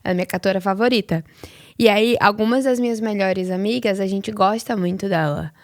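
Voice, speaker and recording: A woman's voice: mid-range voice, a little fast, no echo, studio quality. A thirty-one-year-old Brazilian woman co-hosting a podcast, telling stories in casual, informal chat. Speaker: podcast co-host.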